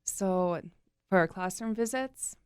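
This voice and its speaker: A young woman chatting upbeat and friendly as an interview guest, quick to laugh. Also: mid-range voice, clean tone, no room sound, clean studio sound. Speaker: guest, nonprofit communications coordinator. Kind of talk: casual interview chat.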